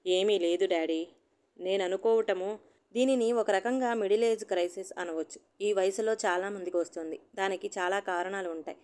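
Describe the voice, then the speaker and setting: A woman voicing a young adult daughter who talks gently and reassuringly. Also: medium pitch, steady tone, normal speed, close to an everyday voice. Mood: caring. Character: calm caring grown daughter, young woman.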